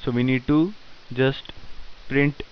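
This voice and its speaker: A man teaching programming in a screen-recorded tutorial, dictating code in short halting phrases. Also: medium pitch, fairly even intonation, clear, resonant tone. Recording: dull lo-fi sound with faint hiss.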